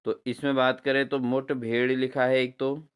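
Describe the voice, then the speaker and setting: A man teaching a spelling lesson for exams, repeating each answer back to his viewers and spelling words out slowly syllable by syllable. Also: medium pitch, flat delivery, clear, resonant tone. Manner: repeats answers as questions to viewers, addresses them as friends. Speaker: exam-prep teacher. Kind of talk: spelling lesson for exam prep.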